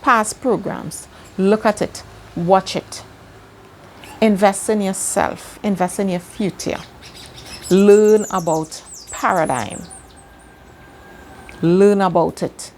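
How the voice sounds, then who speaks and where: A woman from Trinidad and Tobago with a Trinidadian accent hosts a self-help video, delivering a slow motivational lesson. Her mid-range voice is a little mellow, and she takes her time, pausing often and earnestly repeating key words for emphasis. There's slight background noise.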